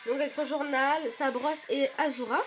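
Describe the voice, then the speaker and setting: Chatty high-voiced woman touring her collection. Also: fairly even intonation, moderate pace, highs cut off, a little hiss or hum. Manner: chatty, many hesitations, reels off prices. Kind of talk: casual show-and-tell vlog. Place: her bedroom at home.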